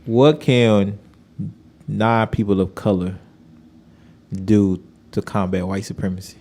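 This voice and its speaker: Low-voiced, reflective male interviewer. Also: steady tone, slow pace, darkish tone. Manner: reflective, colloquial, repeating phrases, frequently affirming. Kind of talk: conversational interview.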